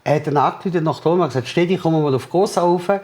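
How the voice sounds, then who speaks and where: A man's voice: on the high side, rapid-fire. A man with a Swiss German accent, an entrepreneur in an interview, telling a story with energy and acting out the dialogue. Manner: lively, acts out the other people's lines in quoted dialogue.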